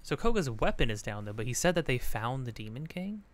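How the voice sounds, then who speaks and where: A man's voice: mid-range voice, sing-song, a little fast. Rambling man narrating a game playthrough. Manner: rambling, many fillers and restarts. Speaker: let's play host. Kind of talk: casual gameplay commentary.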